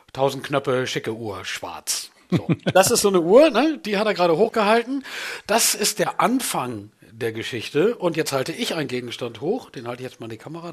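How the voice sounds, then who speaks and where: A man hosting an improv workshop and setting up a storytelling exercise for his partner. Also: fairly high pitch. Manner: animated, explaining an exercise. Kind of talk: instructional hosting.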